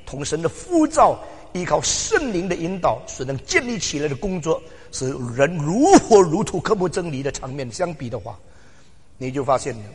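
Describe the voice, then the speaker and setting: An older man preaching a sermon, emphatic, swinging from loud exclamations to quiet asides and slipping into English phrases. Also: on the high side, breathy edge. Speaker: pastor. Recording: long hall reverb.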